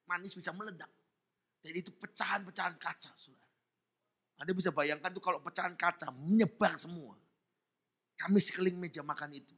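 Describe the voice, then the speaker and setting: A male pastor preaching at a church service with a husky, very cutting tone that sits a little high for a man. He is fervent, bursting into shouted praise and then dropping into hushed asides. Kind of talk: sermon.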